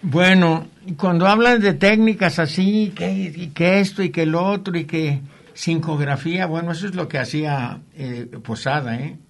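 Older Mexican man, gravelly voice, a bit high, rambling anecdotal storyteller. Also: moderate pace, few pauses. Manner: rambling storyteller, chuckling asides. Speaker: printmaker guest. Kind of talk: anecdotal interview talk.

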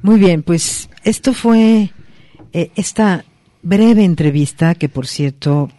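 A woman's voice: lowish voice, animated, slow pace, dark tone, no echo. A woman hosting a radio program, introducing a guest and asking conversational follow-up questions. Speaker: radio host. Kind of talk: radio interview. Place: radio studio.

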